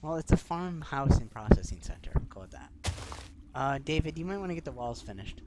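Lively teasing man, noisy recording. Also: a little high. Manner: teasing, quick to laugh. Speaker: game player. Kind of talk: casual gameplay banter.

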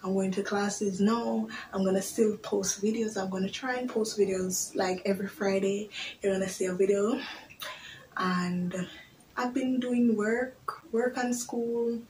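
A woman's voice: medium pitch, steady tone, a little slow, darkish tone, slight background noise, poor audio. A woman, chatting candidly to camera in a small bedroom, rambling from one update to the next. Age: 20s. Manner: chatty, candid and rambling, with creole-flavored grammar. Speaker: vlogger. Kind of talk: casual chat to camera. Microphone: device camera on a desk.

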